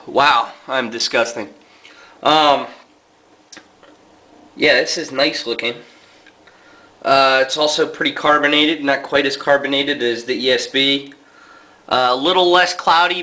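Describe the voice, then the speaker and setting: A man casually reviewing a homebrew in a relaxed, unhurried way with plenty of fillers, recorded on a camera at a distance. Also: fairly high pitch. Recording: echoey room, mic at a distance.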